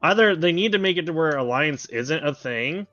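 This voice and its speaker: Bright-voiced blunt man on voice chat. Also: fairly high pitch, expressive, normal speed, muffled recording, faint music behind. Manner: blunt, profane, complaining. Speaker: guest co-player. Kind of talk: casual gaming chat.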